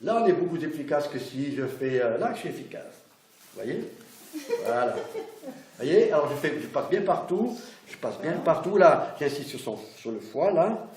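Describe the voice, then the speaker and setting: A man's voice: a little high, very animated, normal speed, a little mellow. Man teaching massage, roomy. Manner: chatty, keeps checking in with the class. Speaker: massage instructor. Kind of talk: hands-on teaching demonstration. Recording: roomy echo, faint background noise.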